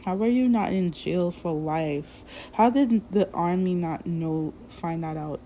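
A woman's voice: fairly low pitch, warm tone, slight background noise. A woman vlogger talking in a casual, profane, rambling rant to her viewers. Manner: profane, rambling, drawn-out delivery. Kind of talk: casual ranting monologue.

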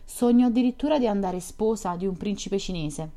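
A woman's voice: medium pitch, a little fast, mellow, natural voice. A woman reading as a teasing, chatty young woman. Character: lively, curious young woman, teasing and talkative. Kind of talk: audiobook reading of a novel.

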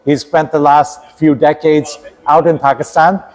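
A man hosts a podcast interview and introduces his guest. His voice sits a little higher than most men's. He talks conversationally and restarts his phrases now and then. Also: level tone, unhurried, darkish tone, poor audio. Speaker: podcast host.

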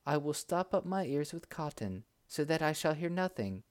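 A woman's voice: low voice, sing-song, normal speed, darkish tone, pitched above the performer's own voice. A man voicing a brave young princess in disguise who speaks politely and firmly. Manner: polite, resolute.

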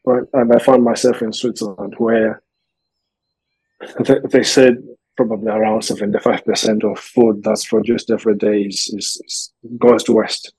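A man from Malawi, a podcast guest telling his story in an earnest, measured way, often restarting his sentences. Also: fairly low pitch, level tone, a little mellow, husky, no room sound, low-quality recording. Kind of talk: interview conversation.

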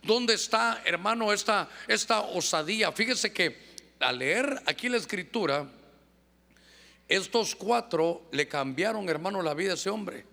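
Fervent high-voiced preacher in a reverberant hall. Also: male voice, expressive, creaky, bright, forceful tone. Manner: fervent, exhorting, acts out church members in quick asides. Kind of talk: sermon.

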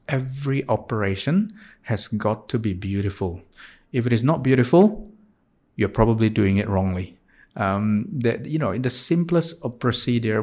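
A man in his forties who grew up in Singapore, answering interview questions as a surgeon in a thoughtful way, with frequent pauses and restarts. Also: lowish voice, darkish tone. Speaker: surgeon guest.

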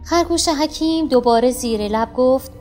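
High-voiced woman reading a children's story. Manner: expressive, even storytelling. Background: soft music.

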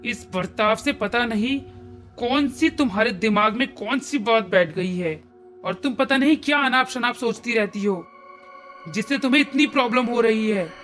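A woman voicing an angry, frustrated middle-aged father who shouts and scolds his wife and daughter in a horror story. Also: very high-pitched, moderate pace, soft background music. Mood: angry shouting.

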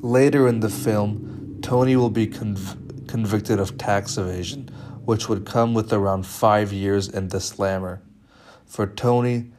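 A young man presenting a media studies film analysis in a measured, slightly halting way. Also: lowish voice, darkish tone.

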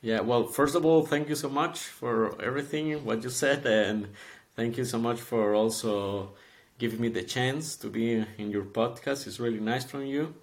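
A Costa Rican man in his twenties, a calisthenics athlete, is a podcast guest in a casual interview, chatting in a friendly way and laughing often. He has a Costa Rican accent and a mid-range voice at normal speed.

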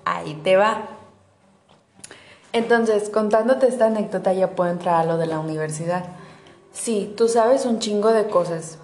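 A woman's voice: mid-range voice, moderate pace, pauses often, darkish tone. A young woman with a Mexican accent talking casually and directly to her viewers, full of slang and swearing. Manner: slangy, swears freely, talks straight to the listener. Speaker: vlogger. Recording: roomy echo.

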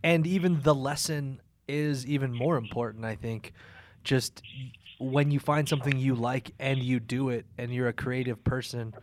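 A man's voice: medium pitch, normal speed. A man hosting a podcast, chatting casually and eagerly affirming his guest. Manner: enthusiastic, affirming. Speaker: podcast host. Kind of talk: casual interview chat.

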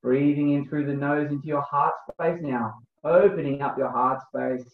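A man's voice: on the high side, fairly even intonation. Man guiding breathwork, echoey, phone-like sound. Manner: slow, spaced instructional phrasing when guiding. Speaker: breathwork coach, guest. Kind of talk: guided breathing meditation, then casual explanation. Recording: thin phone-like sound, roomy echo.

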